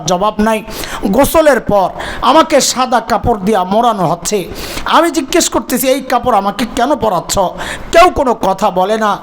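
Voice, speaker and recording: A man preaching a sermon, narrating vividly and rising from a hushed, low delivery to loud, impassioned cries. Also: slight background noise. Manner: dramatic storytelling that builds from hushed to shouting. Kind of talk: Bengali waz sermon.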